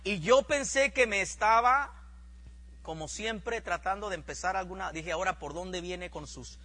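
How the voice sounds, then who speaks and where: Male preacher, high sharp voice, dramatic storyteller delivering a sermon testimony. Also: moderate pace.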